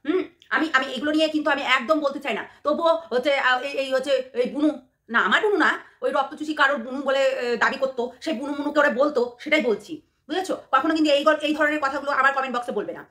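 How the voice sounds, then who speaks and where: Fast, bright-voiced scolding woman. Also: high voice. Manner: scolding, repetitive, taunting. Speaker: vlogger. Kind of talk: angry rant to camera.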